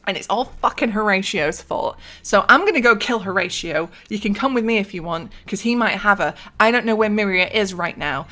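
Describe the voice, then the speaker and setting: A woman voicing a brash, foul-mouthed young female warrior who talks fast and bluntly. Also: medium pitch, expressive, sharp tone. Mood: urgent, defiant. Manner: rapid, swearing, blunt.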